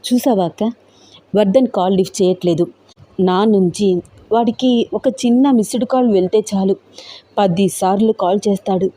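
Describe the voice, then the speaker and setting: A woman's voice: medium pitch, moderate pace, warm tone, lightly acted. A woman voicing a frightened but resolute young woman who explains herself earnestly in a storybook tale.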